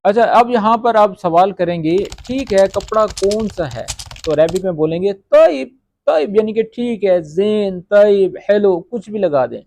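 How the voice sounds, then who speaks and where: A man teaching spoken Arabic phrases, saying each phrase slowly and checking with his listeners as he explains. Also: high-pitched, lively intonation, creaky, mellow, no room sound. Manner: repeats Arabic phrases slowly, often asks "ٹھیک ہے؟".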